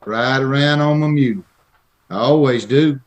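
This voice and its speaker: A man performs old-time radio Western drama as a shy, peculiar drifter. He has a medium-pitched voice close to how he normally talks, at a moderate pace. His phrasing is halting, simple, and folksy, almost a drawl.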